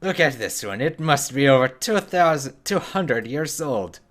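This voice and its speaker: A man's voice: mid-range voice, animated, measured pace, fairly bright tone, voice pushed up. A man voicing an eager middle-aged male archaeologist in a fantasy game, marveling and lecturing. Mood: fascinated.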